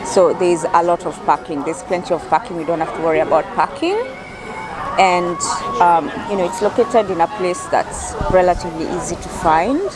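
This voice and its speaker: A woman's voice: on the low side, steady tone, normal speed, music in the background, low-quality recording. A woman chatting casually and ramblingly as a solo food review vlogger, telling things like stories to a friend. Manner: chatty, rambling storytelling with frequent 'like' and 'you know'. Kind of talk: casual vlog chat. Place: busy cafe in a shopping center. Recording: busy public crowd chatter behind voice.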